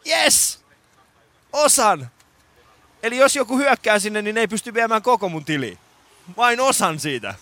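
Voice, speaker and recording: A man's voice: high voice, pushed and bright, no room sound. A man hosting a radio show with playful, mock-solemn joking chat in a studio. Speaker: radio host.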